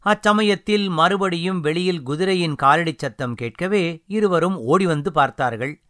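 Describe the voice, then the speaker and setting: A man reads a historical novel aloud in a measured, storytelling manner. His voice is fairly high for a man and smooth, and the recording is close and dry with no room sound. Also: fairly bright tone, no echo. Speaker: audiobook narrator. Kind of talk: scripted narration.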